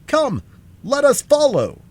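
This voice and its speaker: A man's voice: a little high, huge pitch swings, moderate pace, a little mellow, husky, pitched above the performer's own voice, heavily acted. A man voicing a bold, eager living scarecrow in an emphatic, determined way for a storybook. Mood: urgent.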